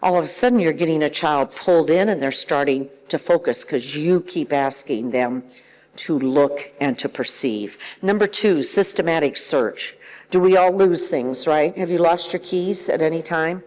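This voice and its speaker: A woman's voice: deep voice, normal speed. Older woman lecturing in an echoing hall. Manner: warm, chatty, acts out parents and children. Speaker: workshop trainer. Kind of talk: lively workshop lecture.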